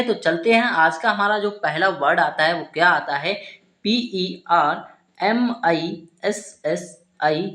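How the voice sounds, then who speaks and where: A man's voice: a little high, fairly bright tone. Man teaching spelling, echoey room. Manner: repeats ठीक है, asks and answers himself. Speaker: English tutor. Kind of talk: spelling lesson for beginners. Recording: roomy echo.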